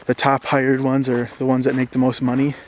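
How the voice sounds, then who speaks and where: This young man from southern Minnesota, a vlogger with a Minnesotan accent, rambles loosely to the camera and keeps restarting and using fillers. His voice is mid-range, monotone and a little fast, over faint background noise.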